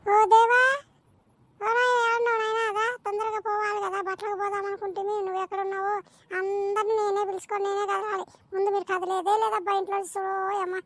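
A woman's voice: extremely high pitch, level tone. A woman voicing a fussy, scolding village mother in a cartoon. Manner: nagging, fretful, quick scolding. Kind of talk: cartoon voice acting.

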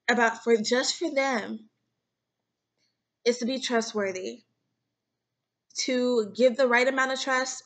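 A woman's voice: a little high, fairly bright tone. A young woman vlogger talking earnestly and rambling to camera about self-acceptance, near tears at times. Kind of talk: personal talk to camera.

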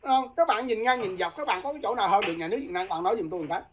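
A woman's voice: medium pitch, rapid-fire, a little hiss or hum. A woman from Vietnam, a guest talking politics in a heated, combative way and repeatedly challenging her listeners.

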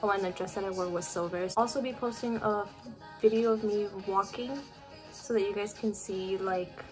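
A woman's voice: medium pitch, steady tone, normal speed, faint music behind. A teenage girl chatting casually to her webcam in her bedroom, full of "like" fillers. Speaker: vlogger. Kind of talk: casual chat to camera. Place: bedroom at home.

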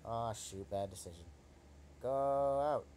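A young man giving excitable, trash-talking commentary over his own gameplay, swearing at his opponent as he plays. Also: mid-range voice, slow, slight background noise. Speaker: gaming channel host.

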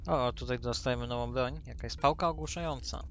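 A man's voice: medium pitch, fairly quick. A man with a mid-range voice talks through a video game in a tipsy, rambling way. His commentary is casual and unpolished. Faint noise and game ambience sit behind his voice. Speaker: gaming video host. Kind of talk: casual let's-play commentary.

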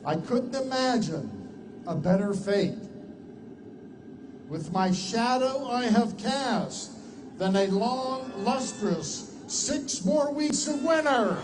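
An older man declaiming a proclamation loudly and theatrically in drawn-out phrases, in the manner of a town crier. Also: very high-pitched, expressive. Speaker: ceremony announcer reading a proclamation. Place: outdoor stage before a crowd. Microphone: headset. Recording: noisy live outdoor event sound.

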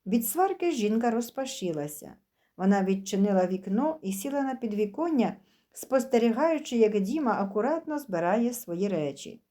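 A woman narrating a dramatic story in a steady, even reading manner. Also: fairly high pitch, moderate pace.

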